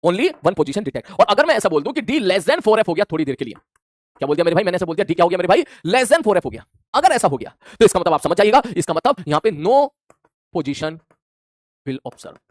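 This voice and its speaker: A male physics teacher speaking fast. His voice swings up and down a lot. It sounds dry and close, no room echo, and he acts out student replies as he explains. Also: sits high. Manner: animated, plays out imagined student replies. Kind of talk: classroom lecture.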